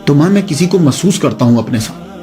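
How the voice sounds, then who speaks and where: A male preacher with a high voice tells a religious story as a storytelling sermon. His delivery is dramatic, his pitch swooping and animated, with faint music underneath.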